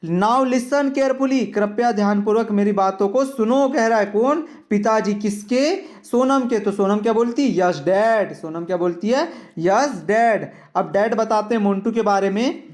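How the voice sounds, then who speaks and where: A man's voice: high-pitched, a little mellow. A man, teaching an English lesson to children and explaining each line patiently. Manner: slow, patient, addresses children directly. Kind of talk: reading an English worksheet aloud and explaining it in Hindi.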